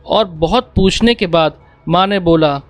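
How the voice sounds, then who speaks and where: A man's voice: sits high, a little slow, dry recording. A man narrating a first-person horror story in a plain storytelling manner, speaking the dialogue in his own voice. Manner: plain storytelling, voicing dialogue without changing voice. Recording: dry close mic with faint music behind. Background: faint background music.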